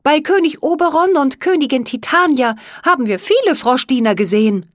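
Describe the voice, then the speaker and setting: Woman voicing a curious young storybook girl, high, eager, dry close sound. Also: expressive, normal speed, dry recording.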